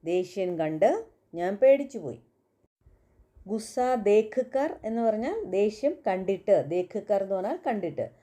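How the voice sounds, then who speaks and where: A woman whose first language is Malayalam teaches Hindi phrases at an unhurried pace. Her voice is soft and mellow, and she repeats every example with care. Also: medium pitch, big pitch swings. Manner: slow, careful repetition of example phrases. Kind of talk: spoken language lesson.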